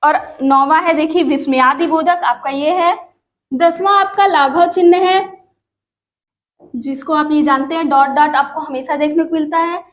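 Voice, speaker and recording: A woman teaching an exam-prep grammar lesson, asking questions and answering them herself and calling her viewers friends. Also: high-pitched.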